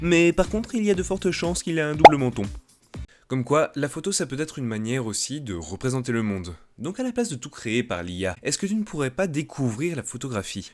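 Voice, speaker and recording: A man giving a comedic educational voice-over, with mocking asides. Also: mid-range voice. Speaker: voice-over narrator.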